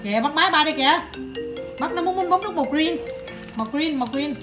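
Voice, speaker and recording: A mother chatting with her small child in a home vlog, animated and coaxing, with English words mixed into her talk. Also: sits high, quick pace, music in the background. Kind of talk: casual home vlog chat.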